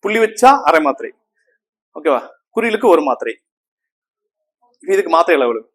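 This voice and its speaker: A man's voice: fairly high pitch, very animated, moderate pace. A man teaching a Tamil grammar class, repeating key terms and often asking the students if they follow. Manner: asks the class frequent checking questions; repeats terms and counts on fingers.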